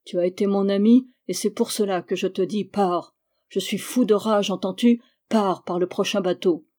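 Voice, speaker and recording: A woman's voice: mid-range voice, steady tone, moderate pace, natural voice. A woman reading as a jealous, furious island man. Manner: hushed, threatening.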